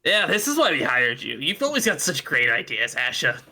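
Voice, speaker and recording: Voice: medium pitch, big pitch swings, fairly quick, bright, forceful tone, exaggerated voice. A player voicing a smug corporate boss who praises his staff in a dry, self-satisfied tone.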